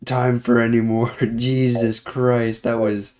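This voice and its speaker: Podcast co-host, man, laughs easily, short reactions, drawn-out slow delivery. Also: mid-range voice, flat delivery, darkish tone. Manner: laughs a lot, quick reactions. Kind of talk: casual group chat.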